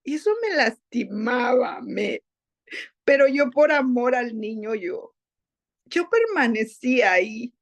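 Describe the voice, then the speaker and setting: A woman giving an emotional personal testimony in church, speaking haltingly with pauses and repetitions. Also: on the high side, expressive, vocal fry.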